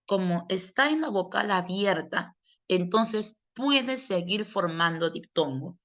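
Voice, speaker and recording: A woman's voice: medium pitch, animated, slow, a bit bright. A woman teaching a grammar class. She explains patiently and answers questions she poses in her students' voices. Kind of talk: online class lecture.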